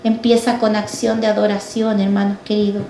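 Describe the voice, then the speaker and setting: A woman's voice: medium pitch, level tone, brisk, creaky, warm tone, roomy sound, slight background noise. A woman preaching a fervent sermon, speaking straight to the congregation and asking them rhetorical questions. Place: church.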